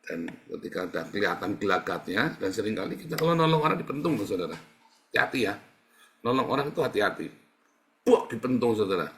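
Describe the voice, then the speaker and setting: A man's voice: on the low side, big pitch swings, fast, fairly bright tone, a little hiss or hum. A man preaching a sermon in a conversational way, asking the congregation questions and answering them himself. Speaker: pastor.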